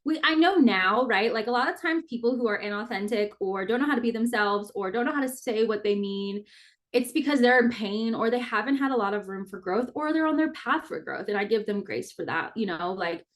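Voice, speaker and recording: A woman's voice: fairly high pitch, lively intonation, brisk. A woman in her thirties hosting her own podcast, talking earnestly and openly in a casual, personal monologue with everyday fillers and the odd mild swear. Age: 30s. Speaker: podcast host.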